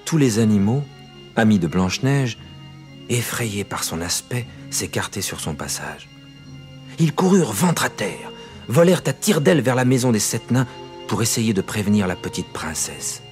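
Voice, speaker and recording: Man, low voice, storybook narration, expressive, faint music. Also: moderate pace.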